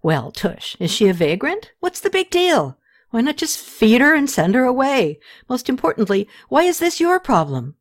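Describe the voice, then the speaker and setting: Woman playing an imperious ancient queen, sharp demanding questions, raised pitch, audiobook. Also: lively intonation, normal speed. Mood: probing.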